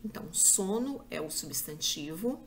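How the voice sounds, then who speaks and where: A woman's voice: lowish voice, lively intonation, slight background noise. A woman teacher with a Brazilian Portuguese accent giving a patient school review lesson, listing examples one by one. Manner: slow, patient, spells out examples.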